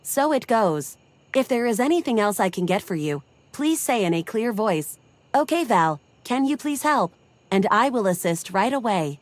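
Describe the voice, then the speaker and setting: A woman's voice: on the high side, big pitch swings, normal speed, no echo. A woman voicing a robotic female smart-speaker assistant in a video game, with formal, stiff, robot-like phrasing.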